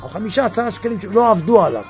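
A man giving a lively religious sermon, firing off mocking rhetorical questions. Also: sits high, muffled recording, soft background music. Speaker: preacher.

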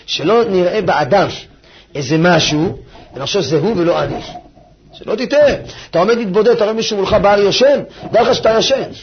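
A man giving a fiery sermon as a rabbi, swinging between hushed pleading and loud exhortation. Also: sits high, dull audio, a little hiss or hum.

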